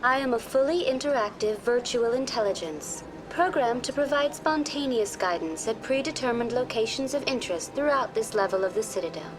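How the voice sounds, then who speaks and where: Casting: actress as polite artificial intelligence guide for a sci-fi game, female, fairly high voice, formal informational delivery, music underneath. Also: expressive, close to an everyday voice, rough recording. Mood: polite, composed. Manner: formal, polite, measured, impersonal. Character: courteous female virtual intelligence tour guide on a space station. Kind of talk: scripted informational game dialogue.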